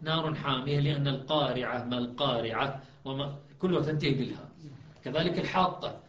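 A man's voice: medium pitch, brisk, fairly bright tone, a little hiss or hum. A man teaching a class, explaining step by step and often checking whether his students follow. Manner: explanatory, asks students if it is clear. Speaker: teacher of Quran recitation and grammar. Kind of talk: classroom lecture. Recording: echoey, muffled classroom recording.

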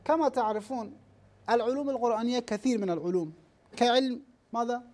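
A classroom lecture from a teacher with a medium-pitched, darkish voice. Delivery is halting, with restarted words and slowly spelled-out lists of terms, and the teacher keeps asking rhetorical questions and checking in with "ha?"

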